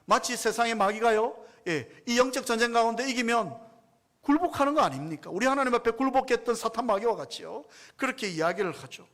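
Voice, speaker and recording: A man's voice: very high-pitched, animated, a little fast, fairly bright tone. A man preaching a sermon as pastor, emphatic and full of rhetorical questions to the congregation.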